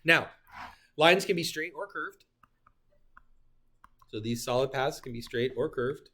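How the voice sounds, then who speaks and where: An unhurried, mid-range male voice belongs to a geometry teacher explaining definitions in a lecture. He's animated, with joking asides and questions directed at his students.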